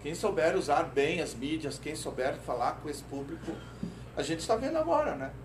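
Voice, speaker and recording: Middle-aged guy giving a company talk, kinda high voice, lots of "right?" tags, echoey room, mic far off. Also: moderate pace, background noise. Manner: lively storytelling with frequent tag questions. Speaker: lecturer. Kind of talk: corporate safety-week talk. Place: company auditorium. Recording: roomy, distant lecture recording.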